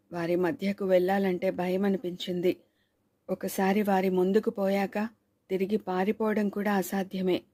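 Woman audiobook narrator, measured suspenseful reading, warm mellow voice, dry close mic. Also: mid-range voice, no room sound. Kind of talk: scripted novel narration.

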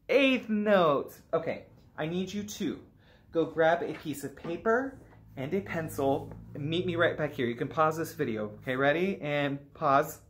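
Male music teacher, unhurried, playful, sings rhythm syllables, online kids' lesson. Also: on the high side, slight background noise.

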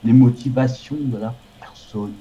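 A man chatting casually over a voice call, hesitant and halting, often restarting his sentences. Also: medium pitch, fairly even intonation, warm tone, highs cut off. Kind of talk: casual chat.

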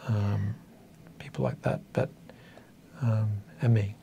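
Here the same Australian author, a man in his fifties from the northern NSW coast, talks slowly in a low, flat, gravelly voice with a dark tone. Slight background noise sits under this casual, reflective interview in a small indoor meeting room. His manner is hesitant, thoughtful and self-deprecating.

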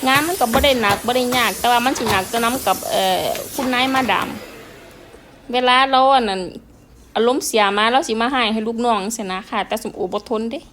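A woman vlogger with an Isan accent talks to her viewers in a frank, chatty way. Her voice sits a little high, and she laughs often. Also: brisk, fairly bright tone, slight background noise. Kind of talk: casual chat to viewers.

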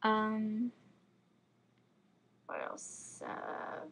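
Her pitch is medium but swings hugely, with creak and a fairly bright tone: a teenage fan vlogger from Florida with an American accent and slight lisp. Chatting casually at home, she rambles quickly with lots of fillers. She records on her computer's built-in webcam mic in an indoor room with bookshelves.

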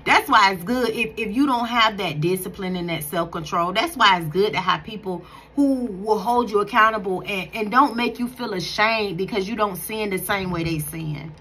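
Recorded up close on a phone camera in a bright indoor room at home, a woman in her thirties gives her viewers casual devotional encouragement as a faith vlogger. She's earnest and preachy in a conversational, restart-heavy way, with a mid-range, bright, forceful voice at a moderate pace and a little hiss or hum.

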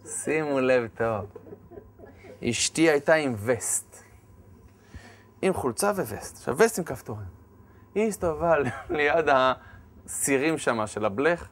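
A man, a rabbi, giving a humorous sermon, acting out scenes with laughter and shouted lines. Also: medium pitch.

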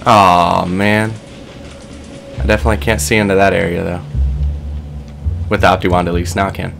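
A young man with a somewhat low voice talks his way nervously through a shooter game, joking at his own expense. Game music plays steadily behind him. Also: little pitch movement, moderate pace, gravelly. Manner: nervous, self-mocking, chatty. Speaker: let's play commentator. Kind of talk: casual gameplay commentary. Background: game music and sound effects.

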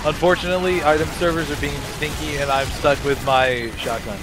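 A man's voice: fairly high pitch, fairly even intonation, a little fast, low-quality recording. A man teasing his friends dryly over game voice chat. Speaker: gaming friend.

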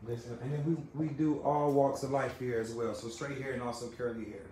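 Earnest barbershop owner in a roomy shop. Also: male voice, medium pitch, steady tone, fairly quick, warm tone, slight background noise. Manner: earnest, polite, many fillers. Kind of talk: casual interview on a live video. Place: large barbershop indoors. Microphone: phone camera held by interviewer. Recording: roomy shop with faint ambience.

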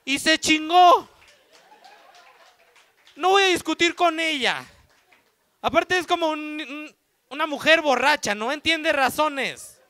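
A man's voice: very high voice, expressive, measured pace, bright, forceful tone, no echo. A man with a Mexican Spanish accent doing a stand-up comedy routine, telling crude, mocking stories with quoted dialogue on a comedy stage.

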